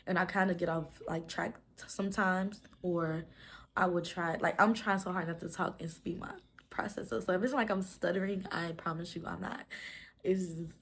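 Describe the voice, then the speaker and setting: Young woman, twenties, lowish voice, casual vlog chat, fast rambling, filler-heavy. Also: steady tone, creaky, a bit bright, a little hiss or hum. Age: 20s. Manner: fast rambling talk, stumbles over words; many "like" fillers. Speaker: vlogger.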